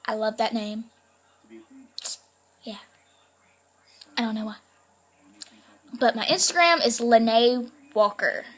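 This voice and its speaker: A woman's voice: a little high, expressive, slow, long pauses, a bit bright. A woman YouTuber telling a spooky story in a casual, chatty way, full of fillers like "like" and "kinda".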